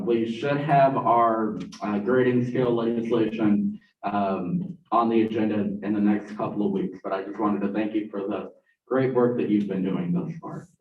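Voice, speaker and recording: A young man gives his report to a student meeting in a loose, joking way, with a lot of "uh" in his talk. His voice carries from far off in an echoing room. The sound is dull. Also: fairly low pitch. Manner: casual, joking, many "uh" fillers. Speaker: student government officer for academic affairs. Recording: muffled, echoey room, distant mic.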